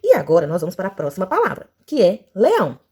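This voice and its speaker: Lively sing-song woman teacher. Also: mid-range voice, breathy edge. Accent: Brazilian Portuguese. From Brazil. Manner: slow, sing-song syllables for children. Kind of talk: children's lesson.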